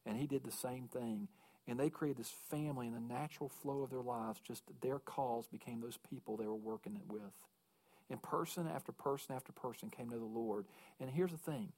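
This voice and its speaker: A man delivering a sermon as a pastor, with a voice of ordinary pitch. He tells stories earnestly and then climbs into fervent, urgent calls to commitment. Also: moderate pace, a little mellow. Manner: earnest storytelling that builds to fervent exhortation.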